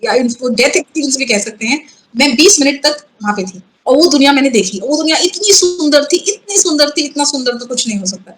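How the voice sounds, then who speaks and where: High-voiced woman recounting a spiritual experience. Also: animated, a bit bright, slight background noise, rough recording. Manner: earnest, halting, with frequent restarts and English words mixed into Hindi. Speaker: guest. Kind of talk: personal testimony in a conversational interview.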